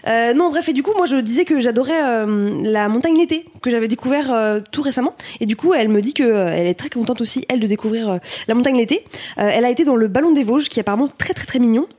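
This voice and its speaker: A woman's voice: a little high, lively intonation, quick pace, mellow. A woman co-host chatting casually on a podcast, with an enthusiastic manner. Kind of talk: casual chat.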